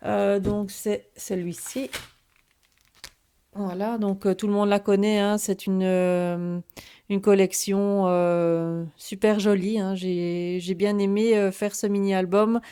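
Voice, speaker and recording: A woman with a noticeable accent hosts a relaxed craft show-and-tell. Her voice is warm and mellow. She pauses often, filling gaps and restarting her phrases. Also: medium pitch, clear, resonant tone. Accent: noticeable French accent. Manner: hesitant, many fillers and restarts. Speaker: craft video host. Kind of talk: casual product presentation.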